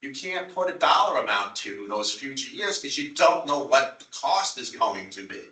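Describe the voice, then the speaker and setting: A man's voice: medium pitch, sing-song, normal speed, sharp tone. Insistent man with Long Island accent. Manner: insistent, repeats himself, apologetic but pressing. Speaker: town representative on a transit board. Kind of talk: public meeting debate. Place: meeting room. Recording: echoey meeting room from far off.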